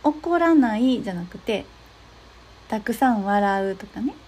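A young woman hosts a podcast offering advice to therapists, walking through it gently and step by step, with frequent pauses on soft fillers. Her fairly high voice is dark and mellow with a breathy, husky edge, and she sounds animated in this casual talk.

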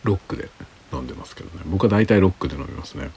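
Very deep-voiced tipsy man chatting late. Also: animated, rapid-fire, darkish tone, husky. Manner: rambling, tipsy. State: drinking alcohol, tipsy. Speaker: livestream host. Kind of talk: low-voiced late-night casual chat.

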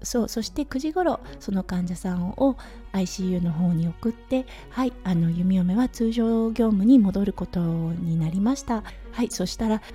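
Hoarse, husky woman with a very mellow voice. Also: medium pitch. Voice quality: husky, slightly raspy voice. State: hoarse from overuse, sore throat. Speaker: podcast host, anaesthetic nurse. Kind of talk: casual solo audio diary. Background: background music.

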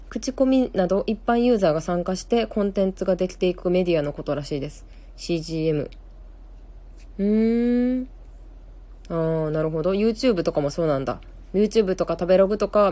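Chatty Kansai woman, mellow low voice. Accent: Kansai Japanese. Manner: chatty, rambling, many fillers and self-corrections. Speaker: live-stream host. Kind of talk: casual live-stream chat reading viewer comments.

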